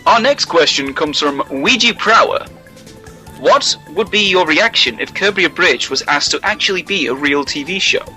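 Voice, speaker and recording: A man's voice: fairly high pitch, expressive, moderate pace, sharp tone, faint music behind, rough recording. A British man co-hosting a fan Q&A, reading out questions and adding short, dry quips. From Britain. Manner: dry, brief interjections, reads questions out. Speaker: co-host of a fan series Q&A. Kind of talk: casual Q&A chat.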